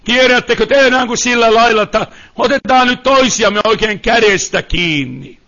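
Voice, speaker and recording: A man's voice: very high-pitched, sharp tone. A man preacher leading a fervent prayer meeting, praying aloud in an impassioned, pleading way with repeated invocations. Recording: dull lo-fi recording.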